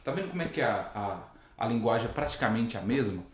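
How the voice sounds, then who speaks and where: A hoarse man gives a Bible teaching straight to the camera. He keeps restating each point and checks in with listeners as he goes. His voice sits at an ordinary middle pitch, and it rings around a very echoey room. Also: expressive, fairly quick. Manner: explanatory, rephrases points and asks "né?".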